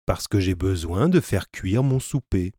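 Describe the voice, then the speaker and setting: A scheming first mate, a grown man who answers back with cold defiance, as a male audiobook reader puts him on. Low voice, dry close sound. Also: animated, unhurried, mellow, no room sound. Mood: defiant.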